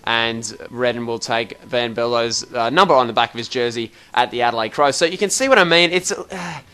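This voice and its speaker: A man's voice: medium pitch, fairly quick, bright, forceful tone, clean tone. A young Australian man giving a rambling, casual walkthrough of a game menu, chatty and mildly exasperated. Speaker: gaming video host. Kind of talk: casual game tutorial commentary.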